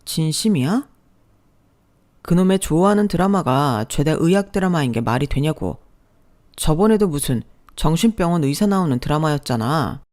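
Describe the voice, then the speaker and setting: A narrator voicing a young husband who is touchy and speaks in a resentful, accusing way. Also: male voice, a little high, animated, normal speed, a little mellow, close to an everyday voice.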